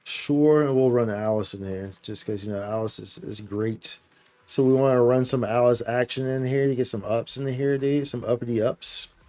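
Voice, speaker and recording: Here a game livestreamer chats casually while playing, his slang-heavy patter calling everyone and everything "dude" or "boy." The voice is mid-range, steady and darkish, delivered at a moderate pace. Game music can be heard behind it.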